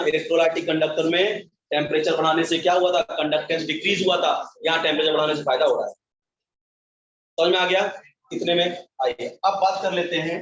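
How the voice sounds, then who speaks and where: A man's voice: a little high, a bit bright. A male chemistry teacher giving a classroom lecture, asking questions and answering them himself, and calling his students beta and bhai. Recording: echoey, distant, dull classroom sound.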